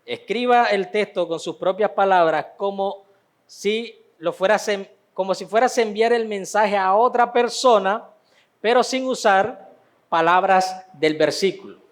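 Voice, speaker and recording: High-voiced man teaching a Bible class. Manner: conversational, repeats phrases for emphasis.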